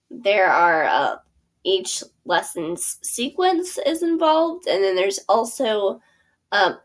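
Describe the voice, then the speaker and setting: In a medium, slightly bright voice, a woman who teaches theater explains her curriculum through a screen share. She keeps it friendly and instructional, with frequent ums and minor self-corrections.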